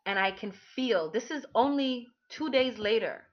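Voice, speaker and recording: A woman's voice: fairly high pitch, unhurried. Candid woman telling a personal story. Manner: candid, animated, frequent restarts and fillers. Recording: dull lo-fi recording.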